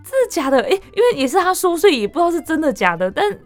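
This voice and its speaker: A woman podcast host, chatting casually and reading out online comments in a lively way, with frequent exclamations and laughter. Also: very high voice, very fast, no echo, soft background music. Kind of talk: casual chat reading netizen stories.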